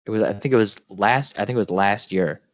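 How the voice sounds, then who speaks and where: A man's voice: lowish voice, no room sound. A man co-hosting a hockey podcast, easygoing and casual as he runs through the show's list. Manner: easygoing, quick agreeing interjections. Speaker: podcast co-host. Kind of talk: casual chat and show rundown.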